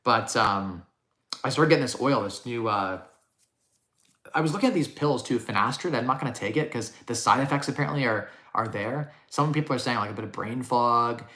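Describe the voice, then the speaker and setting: A man in his thirties talks quickly and casually as he hosts a live question-and-answer podcast. His voice is bright and forward, and he lays out plain numbers directly. The sound carries an echo from the room. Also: mid-range voice. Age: 30s. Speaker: podcast host.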